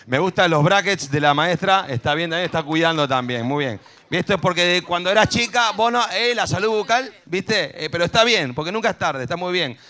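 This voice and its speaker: A man hosting a school event on stage, chatting and joking with teachers and kids, cheering one moment and dropping into low asides the next. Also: expressive, a little fast, pushed and bright. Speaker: event host.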